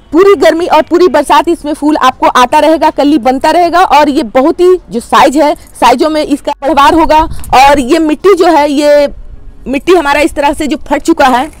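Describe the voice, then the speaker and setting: A woman hosting a gardening channel, calmly explaining plant care step by step and addressing viewers as friends. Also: sits high, dry recording. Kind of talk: instructional how-to talk.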